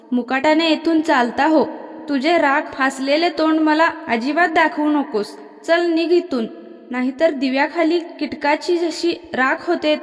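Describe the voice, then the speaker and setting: A woman's voice: high-pitched, natural voice. A woman reading the lines of a furious goddess who scolds and insults a yogi, with long hall reverb. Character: weary then furious goddess Kalika, scornful.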